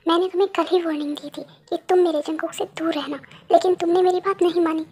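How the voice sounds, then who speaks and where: A woman voices a jealous young woman who threatens coldly. The voice is very high and mellow. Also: steady tone, fast. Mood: menacing. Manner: cold, menacing.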